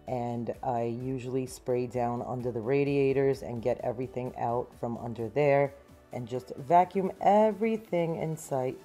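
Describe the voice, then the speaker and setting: Very low-voiced woman explaining her cleaning. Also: warm tone. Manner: upbeat, explains each step plainly. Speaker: cleaning vlogger. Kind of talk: clean-with-me vlog narration. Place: small home, living room and pantry.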